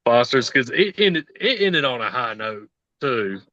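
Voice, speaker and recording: A man's voice: medium pitch, big pitch swings, unhurried, bright, forceful tone, dry recording, highs cut off. A man with a Southern US accent co-hosting a casual podcast chat, laughing often and tripping over names. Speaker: podcast co-host.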